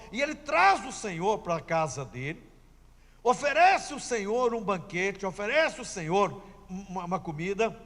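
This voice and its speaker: A man's voice: extremely high pitch, a bit bright, long reverb tail. A man preaching a sermon, telling a scripture story emphatically and repeating key phrases.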